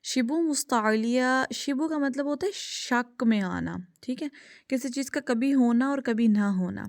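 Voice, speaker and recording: A woman's voice: high-pitched, a little mellow, no room sound, clean studio sound. A woman teaching children Quran recitation rules, patiently repeating sounds and asking questions that she then answers herself. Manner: asks checking questions and answers them herself. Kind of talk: tajweed lesson for children.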